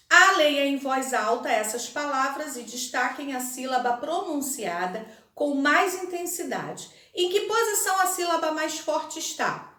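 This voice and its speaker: Brazilian woman teacher, high voice, sounds out words super slow, echoey room. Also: fairly bright tone. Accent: Brazilian Portuguese. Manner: slow, careful word-by-word pronunciation. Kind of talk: recorded remote Portuguese lesson.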